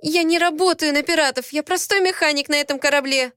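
A flustered young woman mechanic talks back in a high, indignant voice, as the reader puts her on. She sounds defiant and rattled, with a dry, close audiobook sound. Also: quick pace, fairly bright tone, no echo. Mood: pleading.

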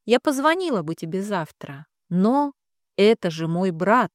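A woman voicing a quiet, grieving young woman in an audiobook, speaking softly. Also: medium pitch, big pitch swings, a little slow, no echo, studio quality. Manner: quiet, subdued.

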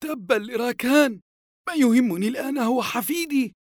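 A man's voice: high voice, expressive, normal speed, vocal fry, no room sound, studio quality, voice pushed up, full character voice. A man voicing a worried, stern old grandfather in an audiobook, speaking firmly. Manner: firm, anxious pleading.

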